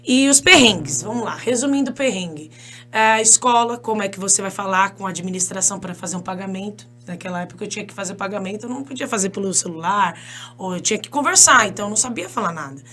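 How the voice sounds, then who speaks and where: A woman with a Brazilian Portuguese accent, an English teacher telling stories as a podcast guest in an animated, chatty way. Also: mid-range voice, fast, a little hiss or hum. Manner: animated, chatty, laughs often, addresses listeners as "gente". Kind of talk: casual interview storytelling.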